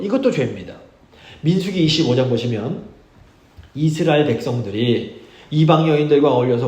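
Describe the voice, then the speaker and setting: A male pastor giving a sermon, earnest and measured, reading scripture slowly for emphasis. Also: a little high, mellow, reverberant. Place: church sanctuary.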